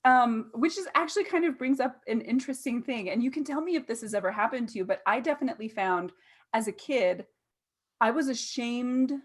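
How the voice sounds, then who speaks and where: A woman's voice: fairly high pitch, a little fast. A woman in her thirties hosting a casual interview, chatty and laughing, with many "like"s. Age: 30s. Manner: chatty, laughing, uses "like" often. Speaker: interview host.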